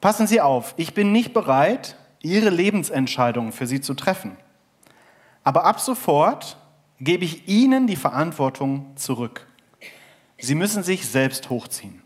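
A man's voice: a little high, very animated, measured pace. Man doing an exasperated wanderer. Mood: firm. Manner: agitated, then firm. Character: exasperated male wanderer holding a rope.

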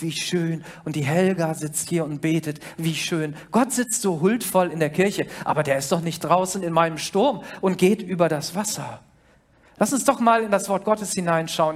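A preacher delivers a sermon in a conversational, personal manner, addressing the listener directly. Quoted lines from the story are acted out with a lifted voice. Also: medium pitch. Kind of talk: sermon retelling a Bible story.

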